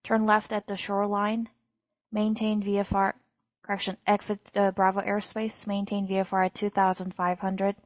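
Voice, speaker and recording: A woman giving clearances as an air traffic controller in clipped aviation phraseology. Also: mid-range voice, completely flat delivery, moderate pace, dry recording, lo-fi sound.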